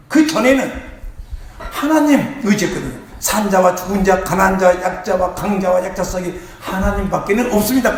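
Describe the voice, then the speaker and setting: Man pastor preaching hard, high voice swinging all over, very echoey church, faint hiss. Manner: impassioned preaching, leads call-and-response. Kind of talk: sermon. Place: large church hall.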